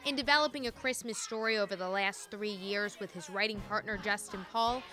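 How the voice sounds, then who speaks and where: A woman reporter narrating a news feature in a polished, bright delivery. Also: mid-range voice, fairly quick, slight background noise.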